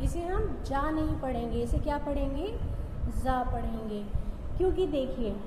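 High-voiced woman teacher, patient questions. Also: lively intonation, background noise. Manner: patient, asks pupils questions and answers them herself; says each word slowly to show how it is spoken. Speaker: school teacher. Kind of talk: online class lesson for young children.

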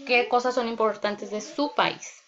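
Woman teacher going over words for kids, real slow and careful, kinda high voice. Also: steady tone, a bit bright. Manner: slow, deliberate, repeats words and checks with "ok?". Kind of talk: online reading lesson for children. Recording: dull lo-fi recording.

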